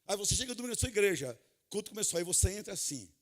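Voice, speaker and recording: A high-voiced preacher man addressing fellow pastors in a conference hall. He talks with lively, animated swings, hushing to low asides and then climbing into loud shouted praise. He acts out little scenes with a joking touch. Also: very fast.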